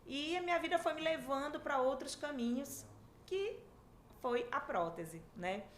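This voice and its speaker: Guest: lively Amazonian woman in her fifties, talkative and warm-paced, recorded in an echoey room. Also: sits high, measured pace. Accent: Amazonas Brazilian Portuguese. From Manaus, Brazil. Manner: lively, chatty storytelling with frequent fillers. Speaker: podcast guest, dentistry professor. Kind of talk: casual interview chat. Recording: echoey room, faint background hiss.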